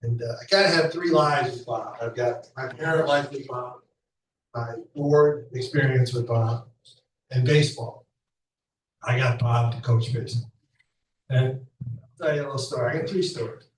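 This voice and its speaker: Speaking at moderate speed in a mid-range voice, a man offers an informal memorial tribute in a school hall, swapping stories and laughing conversationally. There's slight background noise, the room echoes, and the microphone is picked up from afar.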